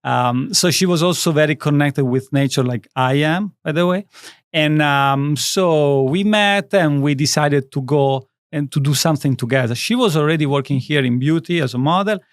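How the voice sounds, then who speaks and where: A man's voice: fairly high pitch, normal speed, dry recording. A man in his thirties from Italy with an Italian accent, speaking Italian as his first language, telling his story as a guest in a studio interview in an earnest, rambling way. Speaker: guest, skincare brand founder. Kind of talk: interview conversation.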